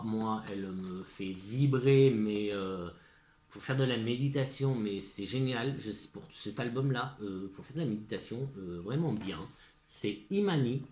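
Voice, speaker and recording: A man's voice: mid-range voice, a little mellow. Hesitant French man in an echoey room. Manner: hesitant, full of fillers and restarts; enthusiastic, repeats praise. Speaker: vlogger presenting gift ideas. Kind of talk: casual chat to camera.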